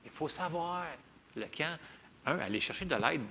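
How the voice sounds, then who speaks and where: A man preaching a sermon with a Québécois accent, talking to the congregation in a lively, conversational way and often checking in with "ok?". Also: a little high, moderate pace, vocal fry, a little hiss or hum. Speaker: pastor.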